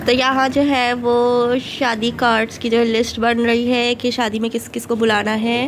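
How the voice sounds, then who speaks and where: A woman's voice: a little high, level tone, moderate pace, over loud music. A woman in her thirties chatting to her phone camera at home, casual and talkative, mixing in English phrases and addressing viewers as guys. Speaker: vlogger. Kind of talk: casual vlog chat to camera. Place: home veranda with plants, indoors and out. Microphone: phone camera at arm's length. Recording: echoey room with background noise.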